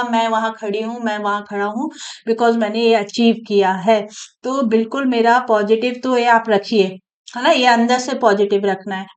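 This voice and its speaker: A woman gives an exam coaching lecture in a chatty, conversational way. She often checks in with tag questions as she goes. Her voice sits a bit on the high side. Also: poor audio. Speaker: teacher.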